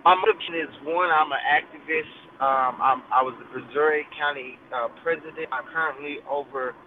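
Male guest, car speakerphone, tinny phone line, slightly high voice, casual with fillers. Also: steady tone, brisk, a little hiss or hum. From Texas. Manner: conversational with frequent 'uh' fillers and restarts. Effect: car speakerphone call while driving. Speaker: guest, congressional candidate. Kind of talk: casual live interview. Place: moving car.

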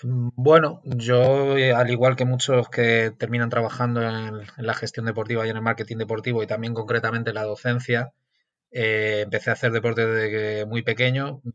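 A Spanish man from Castilla-La Mancha, with a Castilian accent, is a sports management lecturer giving conversational answers as an interview guest. His medium-pitched talk is flat, measured and thoughtful, with many fillers and restarts. The remote audio is dull and dry, with no echo.

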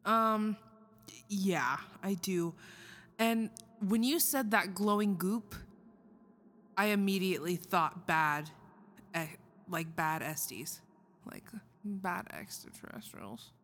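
A woman's voice: medium pitch, takes it slowly, fairly bright tone. A young woman co-hosting a podcast, joking in slang and swearing casually. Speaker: podcast co-host.

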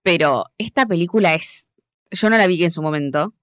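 A woman's voice: on the low side, moderate pace, fairly bright tone, no room sound, studio quality. A young woman with an Argentine Spanish accent, co-hosting a casual chat and bluntly criticizing with jokes. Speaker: podcast co-host.

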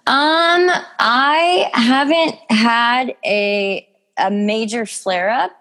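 A woman's voice: fairly high pitch, drawn-out words, a bit bright. A young adult woman speaking as an interview guest in a casual, personal, informal way, with plenty of conversational filler. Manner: informal, peppers speech with "you know" and "like". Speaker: podcast guest telling her health story.

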